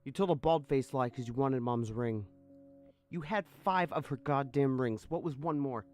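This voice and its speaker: A man's voice: mid-range voice, moderate pace, soft background music, lightly acted. A man voicing a furious adult brother who snarls his lines. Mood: seething. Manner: snarling, loud.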